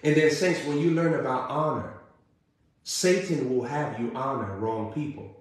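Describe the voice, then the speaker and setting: Preaching man in a very echoey room. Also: moderate pace. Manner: rising to emphatic repeated questions, then dropping low. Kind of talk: sermon.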